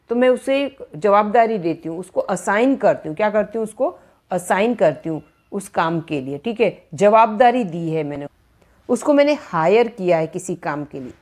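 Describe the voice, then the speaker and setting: A woman in giving a grammar lecture, slowly repeating each example word by word. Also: mid-range voice, a little mellow. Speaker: English grammar teacher. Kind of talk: classroom-style lecture in Hindi.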